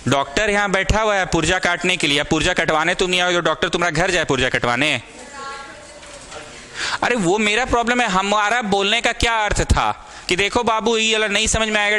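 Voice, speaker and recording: High bright-voiced maths tutor. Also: male voice. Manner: scolding yet caring, mixes Hindi and English. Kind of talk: classroom teaching.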